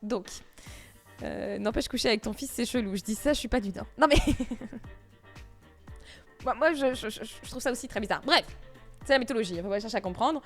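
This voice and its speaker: A woman's voice: fairly high pitch, brisk, pauses often, soft background music. Jokey slangy woman retelling a myth. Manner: slangy, jokey asides, frequent laughs. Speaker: streamer storyteller. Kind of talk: casual myth retelling on a stream.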